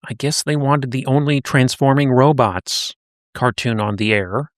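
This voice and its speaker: Podcast host recapping cartoons, dry sound. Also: male voice, medium pitch, measured pace, no room sound. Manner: recapping in a conversational storytelling way. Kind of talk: casual podcast chat.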